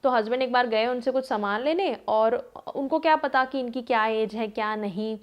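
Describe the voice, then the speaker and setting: A woman's voice: on the high side, moderate pace, lo-fi sound. A woman in her thirties telling a personal story in a casual, chatty way, with many fillers and acted-out quotes. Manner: chatty, lots of fillers, acts out quoted voices. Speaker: vlogger.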